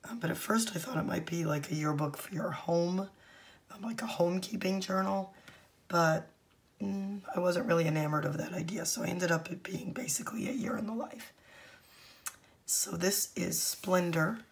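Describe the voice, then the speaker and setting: Female craft vlogger, hoarse lost voice, low and crackly, slipping into whispers, casual walkthrough delivery. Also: moderate pace. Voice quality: husky, croaky, often breaking into a whisper. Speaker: craft channel host.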